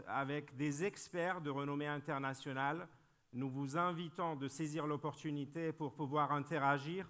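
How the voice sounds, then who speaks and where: A man's voice: on the high side, fairly bright tone. A man, opening a conference as master of ceremonies with a formal welcome.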